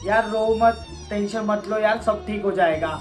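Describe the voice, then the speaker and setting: A woman's voice: medium pitch, normal speed, roomy sound, soft background music. A woman acting in a comedy sketch, delivering wisecracking comebacks. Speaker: comic sketch performer.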